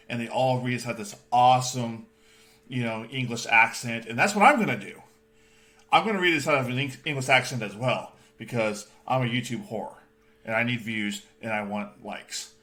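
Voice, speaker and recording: A man co-hosting a comedy reaction show, goofy and joking, loud at times. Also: mid-range voice, normal speed. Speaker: co-host. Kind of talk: comedic banter podcast.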